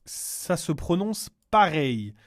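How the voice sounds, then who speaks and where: A man teaching to beginners, repeating words slowly and explaining in Spanish, patient and clear. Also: fairly high pitch, sing-song. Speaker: French teacher. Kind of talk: slow, clear language lesson.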